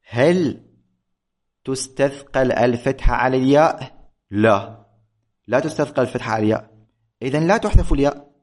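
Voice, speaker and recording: Patient man teaching grammar. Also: medium pitch. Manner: patient, repeats and corrects himself aloud. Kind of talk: classroom lecture.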